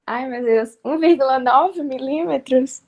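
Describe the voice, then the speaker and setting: A woman's voice: high-pitched, a little slow, a little mellow, muffled recording. A woman student answering her lecturer's questions over a video call, unsure and rising at the end. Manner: hesitant answers, turns statements into questions.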